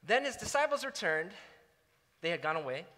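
High, lively man preaching in a hall. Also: moderate pace. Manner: animated, self-mocking storyteller who acts out his own quotes. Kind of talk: storytelling sermon.

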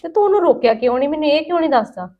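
A woman acting as an aunt in a scripted family drama, scolding and emotional, her voice rising loud when upset. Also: high-pitched, animated, very fast, muffled recording.

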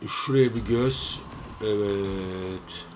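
A man giving live gameplay commentary, talking to viewers as friends and taunting opponents with playful shouts. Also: on the low side, very slow, slight background noise.

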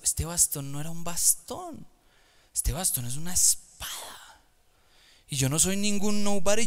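A man preaching a lively sermon to young people in a church, swinging from hushed, slow words to loud, emphatic calls. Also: sits high. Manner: dynamic, swings from hushed to shouting. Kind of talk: sermon to youth.

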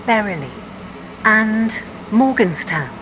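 A woman's recorded train announcements, with words spliced together from separate recordings so the pitch and pace jump between phrases. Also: animated, slow, background noise. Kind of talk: automated onboard announcements.

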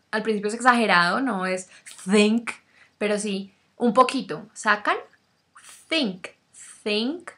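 A woman and native Spanish speaker teaching English pronunciation, speaking slowly and demonstrating each sound over and over. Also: medium pitch, sharp tone. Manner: slow, demonstrative, repeats sounds. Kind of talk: pronunciation lesson.

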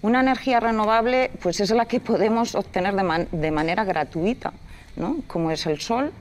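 A woman in her forties from Castilla-La Mancha, Spain, is an environmental activist guest on a TV studio set, seated in a leather armchair. She explains earnestly with many fillers, in a brisk mid-range voice, with slight background noise.

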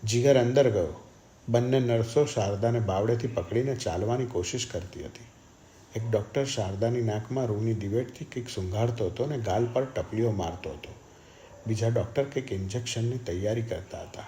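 A man with a lowish voice narrates an audiobook in a steady, measured way. A faint hiss runs quietly under his reading.

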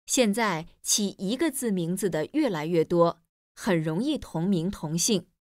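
Female teacher for a textbook listening dialogue: lowish, animated voice, clear explanations, dry studio sound. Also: measured pace, dry recording. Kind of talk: scripted listening-exercise dialogue.

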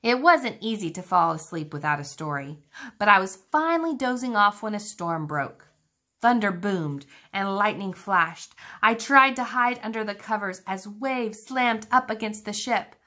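A woman teacher reads a picture book aloud to young children, her bright voice rising and falling with lively expression. She pauses to ask her listeners about the pictures and draws them into the story. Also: medium pitch. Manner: engaging, asks the listening children questions.

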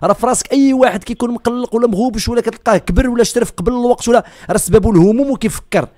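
A man with a Moroccan accent hosting a call-in radio show, joking and teasing a caller and often repeating words in quick bursts. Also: extremely high pitch, darkish tone, dry recording, studio quality. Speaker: radio host. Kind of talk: lively call-in radio chat. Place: radio studio.

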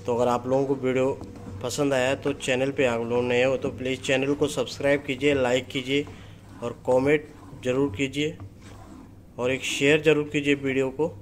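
A man's voice: medium pitch, level tone, normal speed, a little hiss or hum. A man, a chef, explaining a recipe step by step in a kitchen cooking demonstration.

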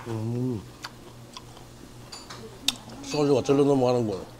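A man's voice: mid-range voice, background noise. A man, talking with his mouth full as he savors food in a casual eating vlog. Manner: savoring food with drawn-out murmurs. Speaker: fishing vlogger.

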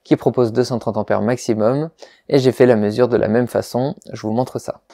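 Male welding host, mellow dark tone, dry close sound, frank methodical review read. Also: mid-range voice, fairly even intonation, moderate pace, dry recording. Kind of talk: product review narration.

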